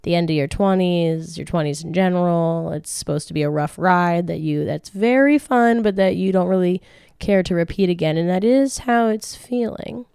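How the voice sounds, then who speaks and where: Hosting a laid-back Q&A podcast, a late-twenties woman rambles frankly and chattily, swears freely, laughs a lot and often restarts her sentences. She speaks at a normal speed in a mellow, smooth voice that sits a little low, recorded close up in a dead room with no room sound.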